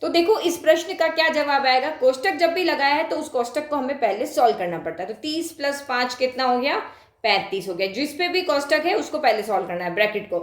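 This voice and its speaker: A woman's voice: sits high, animated, brisk, roomy sound. A woman math teacher, explaining a lesson to students, asking them questions and repeating key points. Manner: talks straight to students, asks questions, repeats for emphasis. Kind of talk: classroom lesson explaining on a board.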